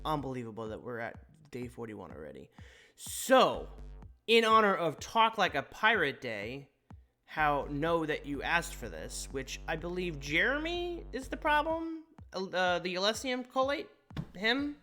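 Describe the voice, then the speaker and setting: A man's voice: on the high side, big pitch swings, a little slow, sharp tone, faint music behind. A man hosting a casual vlog update, playful with chuckling asides. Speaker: host of a tabletop game update channel.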